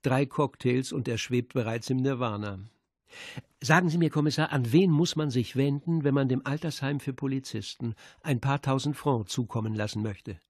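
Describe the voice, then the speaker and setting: A man's voice: medium pitch, normal speed, dry recording, clean studio sound, natural voice. A man voicing a cruel, mocking Czech man who taunts a police inspector, reading it as part of an audiobook. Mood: defiant, bitter. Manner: mocking and contemptuous.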